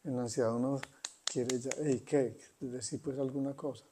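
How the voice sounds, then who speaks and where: A man giving an unhurried spiritual talk, conversational and pausing often. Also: mid-range voice, flat delivery, mellow, a little hiss or hum. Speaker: spiritual teacher. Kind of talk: satsang talk.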